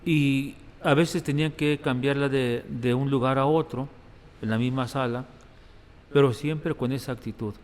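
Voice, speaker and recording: A Mexican priest who serves as a hospital chaplain tells stories of his work in an interview testimony, using a steady, unhurried, slightly mellow mid-range voice. He reflects as he speaks and often repeats words while thinking. The room is reverberant, with faint background noise.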